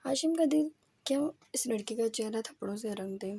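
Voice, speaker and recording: A woman narrating a romance novel aloud in a steady storytelling manner. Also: fairly high pitch, vocal fry, slightly rough.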